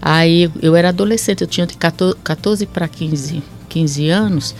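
A woman from Sergipe recalling her teenage years in an interview, plain and thoughtful, slowing on key words. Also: lowish voice, a little mellow. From Sergipe, Brazil. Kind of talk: reminiscing interview answers. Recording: faint music underneath.

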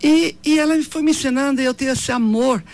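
A woman's voice: high voice, fairly quick, a little mellow. A woman in her seventies with a Brazilian accent, telling her life story in an interview in an earnest, devout way, often ending with tag questions. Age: 70s.

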